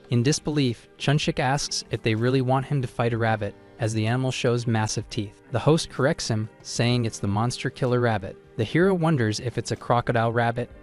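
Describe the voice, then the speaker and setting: A man narrating a comic story recap in a steady, even, scripted voice-over. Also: medium pitch. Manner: steady, even storytelling delivery in indirect speech. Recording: voice-over with faint background music.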